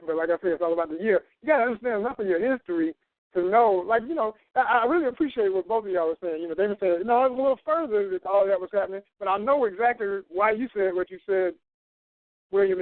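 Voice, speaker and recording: A man with a high voice makes his points emphatically, again and again asking whether his listeners follow him. He comes through a tinny, narrow phone line with a dry, close sound. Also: no room sound. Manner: emphatic, keeps asking "you know what I'm saying". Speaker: guest on a radio talk show. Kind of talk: casual panel discussion.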